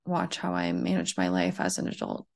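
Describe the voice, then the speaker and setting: A woman in her thirties taking part in a therapy session, answering quietly and hesitantly and repeating the phrases she is given. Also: a bass voice, sing-song, moderate pace, gravelly, clean studio sound. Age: 30s. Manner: quiet, hesitant, echoing the prompts back.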